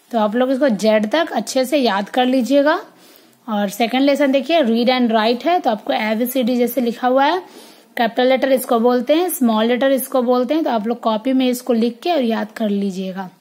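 Woman teacher drilling letters, high voice. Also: lively intonation, a little mellow. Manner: slow, sing-song drilling of letters and words. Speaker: kindergarten teacher. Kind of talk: online class lesson for young children.

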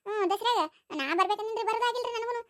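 A woman's voice: very high-pitched, fairly even intonation, quick pace, a bit bright. A woman playing a gossipy village neighbour. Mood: chatty. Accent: North Karnataka. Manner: chatty, gossipy. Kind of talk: village comedy sketch.

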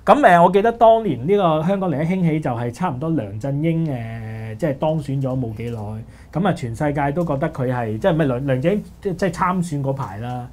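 A man with a Hong Kong Cantonese accent, co-hosting a casual panel talk show, brisk and opinionated. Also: a little high, animated, a little mellow. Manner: brisk, opinionated, says "喂" often. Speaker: co-host.

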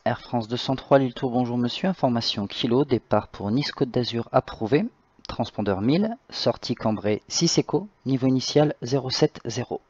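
A man working as a tower air traffic controller, giving clearances in radio phraseology. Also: mid-range voice, normal speed, a little mellow. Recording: slightly dull, band-limited voice channel.

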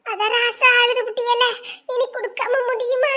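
Brief: woman playing a chattering, teasing young village girl in love, piping high and bright. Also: little pitch movement, moderate pace. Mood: coaxing. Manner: giggly, chattering. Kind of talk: village romance drama acting.

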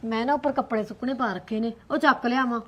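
A hardworking young daughter-in-law in a village short film, played by a woman. She talks fast in a high voice, pleading to be heard. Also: fairly even intonation, dull audio, natural voice.

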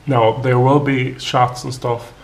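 A man, hoarse and raspy from tonsillitis, talking casually to his viewers in a vlog, rambling with lots of fillers. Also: mid-range voice, flat delivery, takes it slowly. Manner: rambling, many fillers and restarts. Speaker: vlogger.

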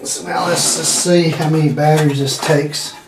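An older man, around his sixties, thinks aloud in short fragments while casually demonstrating and testing old electronics as a hobbyist. He sits at a wooden table in a room at home. His voice is fairly high with fairly even intonation at a normal speed, picked up by a camera mic a few feet away, so the sound is roomy, distant, and noisy with handling clicks.

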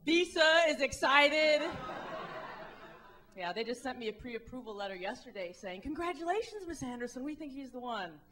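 Holding a handheld mic on a club stage indoors, a Midwestern comedian in her thirties runs through a wry, lively stand-up set. Her voice is high-pitched and her speed is normal, and she performs the voices of those she quotes.

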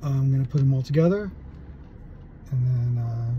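A man's voice: medium pitch, moderate pace, muffled recording, a little hiss or hum. A man in his forties casually reviewing a toy on camera from inside his parked car, chatty and full of fillers. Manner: relaxed, chatty, with many fillers. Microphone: phone camera at arm's length.

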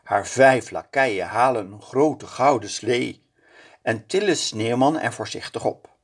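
A man reading a children's picture book aloud in a slow, expressive storytelling manner. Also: medium pitch, husky.

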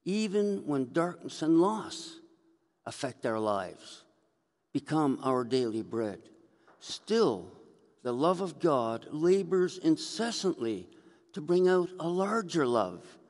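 This older man, a priest, has a fairly high, darkish voice and a slow, sing-song delivery. He preaches in a chatty, story-driven way at the lectern of an indoor church sanctuary, gesturing while he talks into a gooseneck microphone, and the hall echoes around him.

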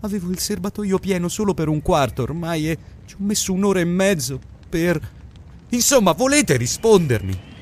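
Stranded motorist, middle-aged, nervy, stammering and high-pitched, as a male reader plays him. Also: huge pitch swings, fairly quick, mellow, slightly rough, full character voice. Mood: anxious.

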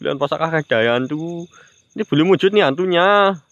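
Banyumas javanese guy doing a ghost hunt live stream, kinda high voice, dull muffled sound, crickets behind. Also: lively intonation, fairly quick, a bit bright, dry recording. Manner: chatty, addresses viewers, teasing sing-song calls to a ghost. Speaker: live-stream mystery vlogger. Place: outdoors at night near a graveyard. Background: crickets and insects.

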